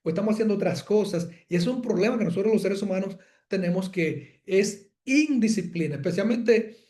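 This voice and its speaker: A man's voice: high voice, brisk, mellow. A man, a pastor giving an earnest teaching talk on parenting, often repeating words as he works out his point. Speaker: pastor teaching a Bible course.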